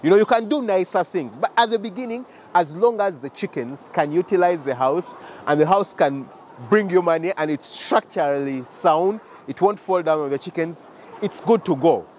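A young Ugandan man leads a walking vlog tour of his poultry farm, moving outdoors and inside a chicken house with a handheld camera close to his face. His voice sits high but has a darkish tone, animated at a moderate pace, with slight background noise. He explains as he goes, repeats his points, and speaks straight to viewers.

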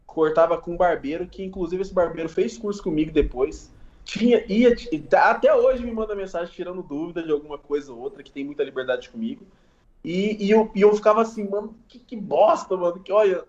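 A man with a high-pitched, slightly fast voice, recorded lo-fi in a reverberant space. He's a guest barber telling stories in a relaxed, slangy way, full of sound-effect words, during a casual podcast chat.

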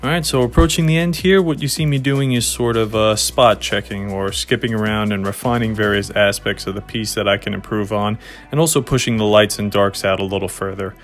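Long island guy talking over his painting timelapse, easygoing, lots of uhs, soft music under it. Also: fairly low pitch, fairly quick. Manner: relaxed, self-deprecating, frequent "uh" fillers. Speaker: freelance painter narrating a time-lapse. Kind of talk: casual voice-over narration.

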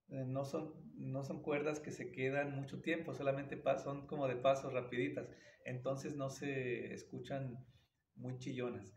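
A man's voice: mid-range voice, darkish tone, a little hiss or hum. A man teaching violin in a casual tutorial, explaining patiently between played passages. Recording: roomy, mic at a distance, violin behind. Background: violin playing.

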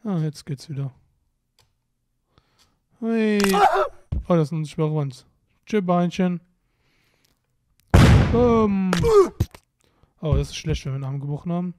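A man's voice: a little high, normal speed, pauses often, noisy background. A young man giving casual, playful commentary while playing a video game, often exclaiming and muttering to himself. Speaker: let's play commentator.

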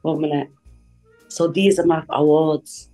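A woman's voice: sits low, steady tone, a little slow, mellow, soft background music. Chatty laughing English woman. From England. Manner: chatty, laughs often, repeats phrases. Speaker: guest musician. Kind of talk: casual video-call interview. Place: living room with a Christmas tree. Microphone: phone video call.

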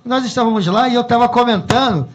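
A man hosting a radio chat and heaping praise on his guest. His voice is high for a man and has a husky edge. He speaks in a small studio. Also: quick pace. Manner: warm, effusive praise. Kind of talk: casual radio interview.

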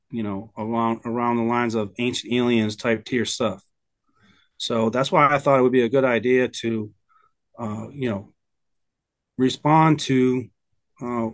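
A man's voice: mid-range voice, no echo. A man hosting a casual video-call discussion, talking hesitantly with lots of fillers. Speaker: host.

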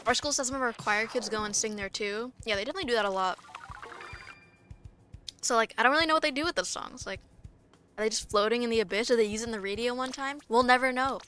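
A woman's voice: a little high, fairly quick, long pauses, fairly bright tone. Chatty young woman streamer, music behind. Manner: loose, chatty, swears freely, talks to chat. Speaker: VTuber streamer. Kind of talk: casual livestream chat while eating and gaming. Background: game music.

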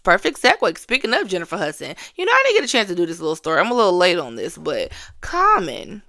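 A woman's voice: huge pitch swings, fast talker, no room sound, clean studio sound. A woman doing casual celebrity gossip commentary, sassy and blunt, scolding people and talking straight to her viewers. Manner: swings from low drawl to loud exclamations.

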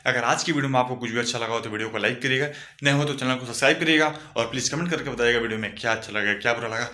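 A man's voice: medium pitch, very fast, bright, forceful tone, echoey room. A man talking casually to his viewers in a vlog, earnestly giving motivational advice and calling them friends. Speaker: vlogger.

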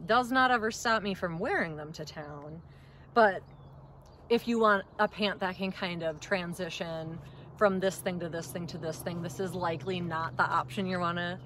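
A woman's voice: mid-range voice, slight background noise. Upbeat Minnesotan woman reviewing gear. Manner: chatty and enthusiastic with frequent ums. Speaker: outdoor gear vlogger. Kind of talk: casual gear review to camera. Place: indoors at a table.

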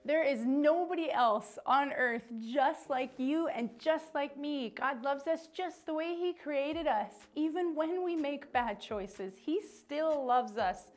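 A woman's voice: high voice, takes it slowly, few pauses. Upbeat woman teaching little kids. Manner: chatty and encouraging, with playful asides. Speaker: children's ministry teacher. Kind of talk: upbeat lesson for young children.

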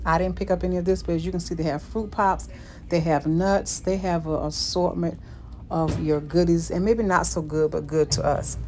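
A woman's voice: fairly low pitch, steady tone, moderate pace, a little mellow, a little hiss or hum. A woman vlogging as she walks through a large store, chatting upbeat to her viewers about the items she finds. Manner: upbeat, chatty, keeps addressing viewers as guys. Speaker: shopping vlogger. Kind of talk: casual shopping walkthrough. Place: inside a large retail store.

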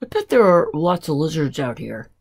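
A woman's voice: sits low, big pitch swings, moderate pace, vocal fry, a little mellow, husky, exaggerated voice. A woman voicing a clumsy, eager young coyote in a storybook, in a hesitant, raised voice.

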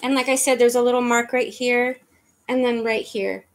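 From her living room, a woman in her fifties hosts an online handbag auction live, speaking into a webcam placed in front of her. Her voice is fairly high, with little pitch movement and a normal speed, as she calls out bids in chatty auction patter and thanks viewers by name.

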